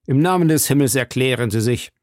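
A man's voice: mid-range voice, expressive, a little fast, no room sound, studio quality, natural voice. A man reading an audiobook, voicing an earnest young army officer who speaks firmly and dutifully.

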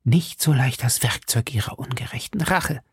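A man voicing a proud, wronged noblewoman who pleads and accuses with intense drama, dropping into hushed whispers at times. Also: medium pitch, normal speed, slightly rough, no echo, clean studio sound. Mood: bitter.

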